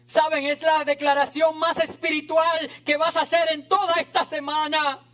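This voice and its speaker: A man's voice: very high-pitched, flat delivery, normal speed, bright, forceful tone. A man preaching an impassioned, emphatic sermon as a pastor in a church.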